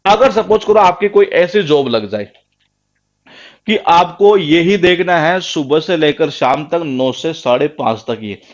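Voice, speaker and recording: A man's voice: a little high, animated, unhurried, dull audio. Hindi-speaking male tutor quizzing himself. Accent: Rajasthani Hindi. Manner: rhetorical questions, answers them himself; repeats words for emphasis. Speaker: English teacher for exam prep. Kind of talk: classroom lecture.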